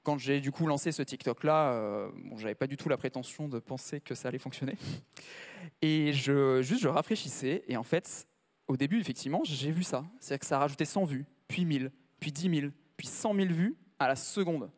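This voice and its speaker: A man's voice: medium pitch, fairly quick. A man giving a conference talk with slides, chatty and conversational, turning to the audience and making small asides. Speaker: conference speaker. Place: large conference hall. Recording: long hall reverb.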